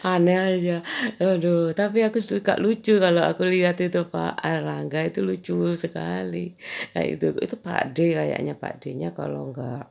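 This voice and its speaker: A woman's voice: lowish voice, fairly even intonation, moderate pace, creaky, darkish tone. A woman vlogger, chatting casually and rambling through a story, laughing often and repeating fillers.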